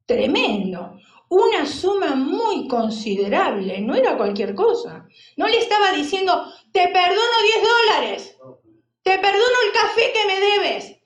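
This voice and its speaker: A woman preacher giving an expressive sermon and putting questions to the congregation. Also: sits high, reverberant.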